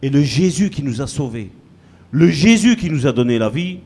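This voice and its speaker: A man preaching a sermon as pastor, swinging between loud bursts and low, quiet lines. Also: lively intonation, normal speed, slightly rough.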